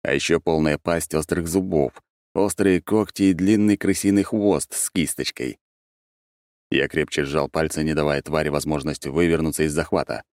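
A man narrating an audiobook in the first person, in an ironic, expressive storytelling manner. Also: rumbling low, moderate pace, no room sound, studio quality.

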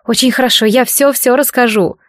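A woman's voice: on the high side, fairly even intonation, fairly quick, no echo, voice pushed up, natural voice. A woman reading an audiobook voices a frightened young peasant bride who whimpers and begs for mercy, with a dry close sound. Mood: pleading. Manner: whimpering, imploring. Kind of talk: audiobook character voice.

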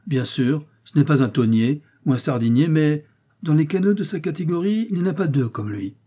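A man's voice: on the high side, lively intonation, fairly quick, dark tone, husky, voice pushed up. A man reading a storybook voices a plain-spoken boat skipper who boasts about his boat. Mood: boastful. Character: blunt middle-aged boat skipper, proud of his boat.

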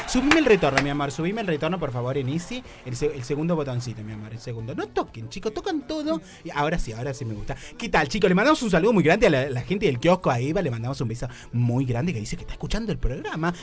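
A man with an Argentine accent hosting a comic radio talk show in a flamboyant, camp, theatrical manner. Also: fairly high pitch. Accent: Argentine Spanish. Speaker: radio host.

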